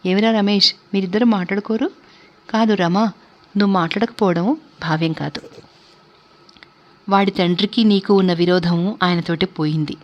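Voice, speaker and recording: A woman voicing a gentle elderly aunt. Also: medium pitch, normal speed, pauses often, lightly acted. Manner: soft, soothing, calm. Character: gentle wise elderly aunt, calm and patient. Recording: dull lo-fi recording.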